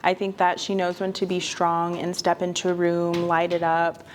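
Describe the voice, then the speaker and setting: A woman's voice: fairly low pitch, flat delivery, moderate pace, faint music behind. A young woman answering interview questions in a thoughtful, earnest way, with a few ums. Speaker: student interviewee.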